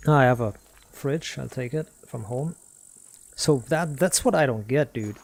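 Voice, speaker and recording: A man's voice: mid-range voice, expressive, unhurried, vocal fry, darkish tone. A man streaming a game, ranting casually and defensively, repeating rhetorical questions and swearing. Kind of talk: casual ranting while playing.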